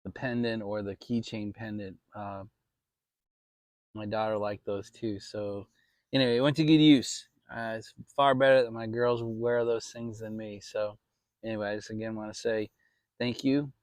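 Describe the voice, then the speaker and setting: A man's voice: fairly low pitch, steady tone, normal speed, no room sound. An American man giving a casual, rambling, mildly salty chat to his viewers from his backyard outdoors. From Maryland, United States. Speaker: vlog host.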